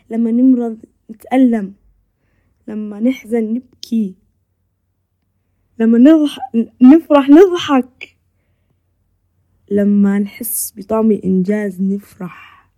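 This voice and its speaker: A woman with a Levantine Arabic accent talks through a quiet, reflective podcast monologue. Her tone is mellow and warm, with a breathy, husky edge. She keeps it gentle and often lets her voice fall to a soft whisper. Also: on the high side. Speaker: podcast host.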